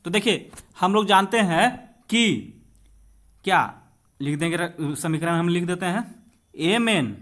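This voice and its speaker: This exam-prep teacher has an Indian accent and a high voice with a fairly bright tone. He reads questions out, explains them instructively while speaking directly to students, and eases his pace on English text.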